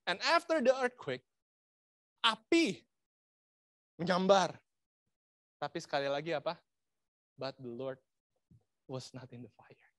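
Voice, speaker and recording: A man preaching a sermon, dramatic and swinging from loud to hushed, asking the congregation rhetorical questions and mixing in English phrases. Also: fairly high pitch, animated, slow, pauses often, no room sound, clean studio sound.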